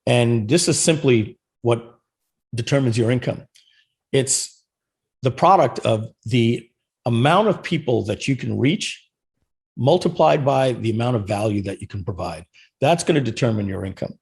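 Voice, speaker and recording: A man's voice: mid-range voice, animated, moderate pace, vocal fry, a little mellow. A man as a podcast guest, earnestly explaining sales and marketing in casual chat. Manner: earnest explaining, many restarts and fillers.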